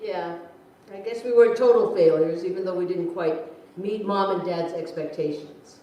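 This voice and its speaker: A woman's voice: on the low side, normal speed, muffled recording, slight background noise, lightly acted. A woman playing a wry grown daughter in a staged reading, conversational in delivery. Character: Sharon, dry, wry grown daughter and schoolteacher. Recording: echoey hall, distant mic.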